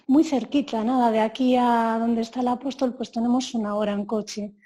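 A woman's voice: on the high side, steady tone, normal speed, mellow. A woman from Galicia, Spain, an organist and choir director, talking fluently as a guest in a casual interview.

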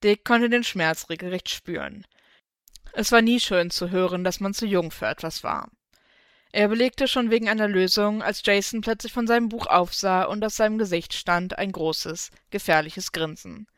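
A woman narrates a fan story in a steady, even storytelling manner. Her voice is smooth and clear, recorded close with a dry, roomless sound. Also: mid-range voice, moderate pace, no echo. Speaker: fanfiction reader.

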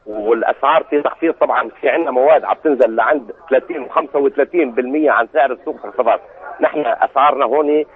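A man's voice: mid-range voice, very fast. A man from southern Syria with a Syrian Arabic accent answering in a live radio interview over a muffled line. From Sweida, Syria. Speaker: food producer being interviewed.

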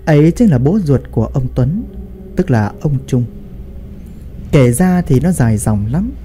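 A man narrating a family story in an expressive storytelling style. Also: mid-range voice, a little slow, soft background music.

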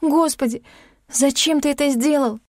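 A woman reading an audiobook, voicing a young woman screaming accusations in shrill, tearful outbursts. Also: moderate pace, warm tone, no echo, studio quality, close to an everyday voice. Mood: tearful hysterical.

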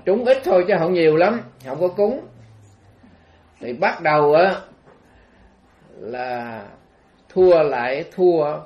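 High-voiced monk telling a tale. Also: male voice. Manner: folksy, rambling with many fillers and restarts. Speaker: Buddhist monk giving a dharma talk. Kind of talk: storytelling sermon. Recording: dull lo-fi recording.

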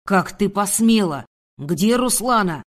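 A woman's voice: darkish tone, natural voice. A woman voicing a menacing, contemptuous male intruder. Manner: low, slow, contemptuous. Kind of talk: audiobook character voice.

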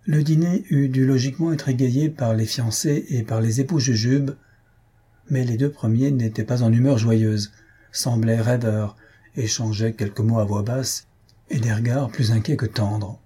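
A man narrating an audiobook in a measured, even storytelling manner. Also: mid-range voice, slightly rough. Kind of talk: audiobook reading.

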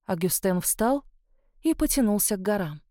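A woman's voice: medium pitch, expressive, normal speed, mellow, dry recording, studio quality. A woman reading a novel aloud in first person, voicing a young heroine. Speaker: audiobook narrator.

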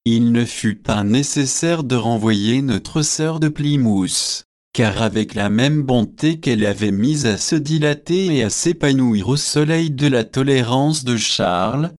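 Slow, measured male audiobook narrator. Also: medium pitch, expressive, darkish tone, dry recording, studio quality. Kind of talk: audiobook reading of a classic novel.

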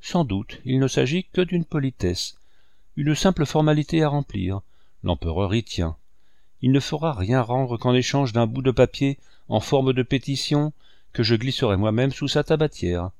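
A man reading the part of a calm, kindly young male courtier, speaking in a soothing, reasonable way. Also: medium pitch, normal speed, creaky, no room sound, clean studio sound.

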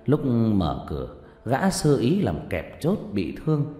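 A man's voice: huge pitch swings, a little slow, dark tone. Brief: male storyteller for ghost tales, dramatic delivery over faint music, roomy echo. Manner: dramatic, sweeping pitch. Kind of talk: horror story narration. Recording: echoey room with long reverb.

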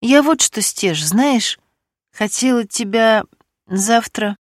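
Meek abandoned woman, quiet and downcast, dry close audiobook read, done by the woman reader. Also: a little high, slow pace, no echo, pitched above the performer's own voice. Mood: dejected. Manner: subdued, quiet, sniffling.

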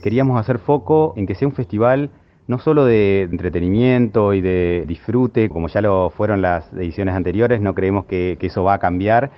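A man with an Argentine accent gives a spontaneous interview answer, halting and repeating words as he thinks aloud. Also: fairly low pitch. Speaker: festival artistic director, interviewee. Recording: dull lo-fi interview audio.

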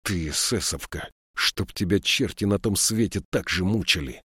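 A man voicing a tense police officer who speaks in a hoarse, commanding, menacing way. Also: low voice, normal speed, a bit bright, no room sound, clean studio sound, full character voice. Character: tense, hard-edged postwar police officer.

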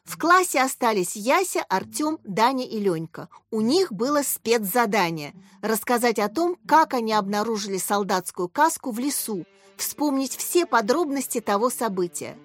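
A woman reading a children's story aloud as the narrator, in clear, even storytelling. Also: on the high side, normal speed. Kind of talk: audiobook narration. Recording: dry close voice with soft music.

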